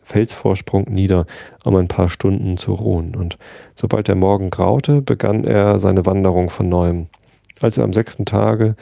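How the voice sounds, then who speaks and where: Male host-reader, relaxed steady audiobook delivery, dark and dry tone. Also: low-pitched, vocal fry, no echo. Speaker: podcast host reading aloud. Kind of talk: calm audiobook reading.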